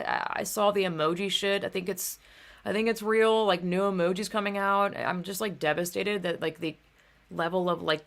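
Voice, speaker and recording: Young woman venting on her vlog, low gravelly voice, cusses a lot, says like and dude constantly. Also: a bit bright. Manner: heated, swears often, fills speech with "like" and "dude". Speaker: vlogger. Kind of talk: casual ranting monologue.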